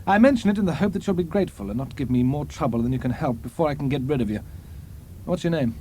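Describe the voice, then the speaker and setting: A man's voice: a little high, animated, quick pace, a little mellow, a little hiss or hum, voice pushed up, lightly acted. A man voicing a sunburnt young British army officer who questions a prisoner in a curt, commanding way. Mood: stern.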